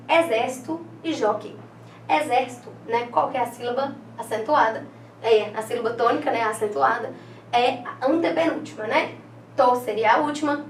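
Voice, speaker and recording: A woman's voice: sits high, reverberant, far from the mic, slight background noise. A woman with a Brazilian Portuguese accent teaching an online exam-prep lesson. She talks in a chatty way, with many fillers, and ends her phrases with "né?".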